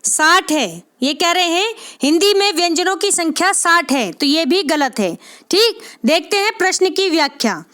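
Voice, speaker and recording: A woman teaching an exam-prep grammar lesson, who repeats key terms slowly, asks and answers her own questions, and keeps checking in with her viewers. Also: very high-pitched, animated, sharp tone. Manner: frequent "theek hai" check-ins addressing viewers as friends.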